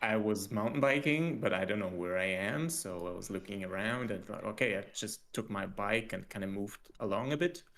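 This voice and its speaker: This Swiss game developer in his forties speaks with a fairly low, fairly bright voice during a casual video-call interview. He talks hesitantly, halting, restarting and laughing as he goes.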